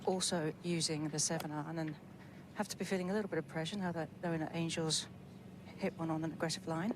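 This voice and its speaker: A woman with a low voice works as a golf commentator, talking through shots in an analytical, conversational way. She thinks aloud as she explains. Clear outdoor ambient noise sits behind her. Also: fairly even intonation, fast.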